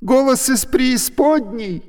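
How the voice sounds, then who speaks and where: A man voicing a panicky woman trapped in a lift, shrill, loud and frantic. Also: slow pace, long reverb tail.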